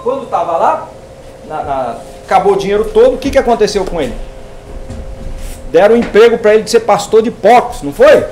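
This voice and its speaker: A man teaching a hermeneutics class, retelling a parable in an animated way and acting out the characters' lines. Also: high-pitched, brisk. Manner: animated storytelling, acts out dialogue with shifting voice. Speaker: Bible teacher. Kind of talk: informal theology class lecture. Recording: echoey room, voice from a distance, faint noise.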